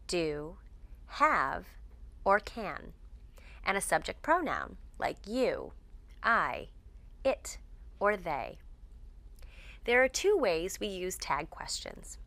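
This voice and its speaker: A woman English teacher talks through a scripted grammar lesson with a lively, swinging pitch. She speaks clearly and measuredly, leaning hard on the rise and fall of each example. The sound is close and dry, with no room around it. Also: dry recording.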